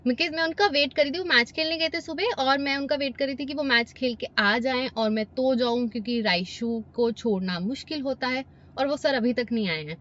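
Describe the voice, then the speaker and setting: A woman's voice: sits high, brisk, hardly any pauses, fairly bright tone. An Indian woman chatting casually to the camera in her vlog, mixing Hindi and English. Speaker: vlogger. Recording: dull lo-fi recording.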